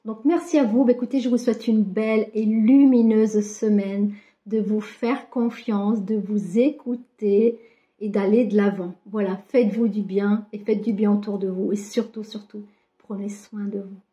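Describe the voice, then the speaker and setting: A woman's voice: medium pitch, steady tone, normal speed, warm tone. A woman card reader giving a weekly spiritual guidance to her viewers, affectionate and encouraging, with frequent little fillers. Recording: dull lo-fi sound.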